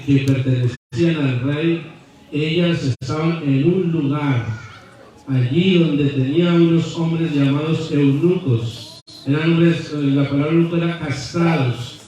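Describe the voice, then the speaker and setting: A male pastor delivers a sermon, moving between wry storytelling asides and fervent, rising declarations. His voice sits a little high for a man. The recording is heavily echoey and picked up from a distance, like a church sanctuary heard from across the room. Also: a little mellow. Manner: storytelling preacher with humorous asides and fervent build-ups.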